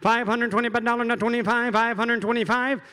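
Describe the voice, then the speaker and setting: A man with an American accent working as an auctioneer, calling bids in a fast, repetitive, rhythmic chant with folksy patter, over a PA in a big hall. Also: very high-pitched, flat delivery, bright, forceful tone, smooth. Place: large event hall, over a PA. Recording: hall PA with long reverb.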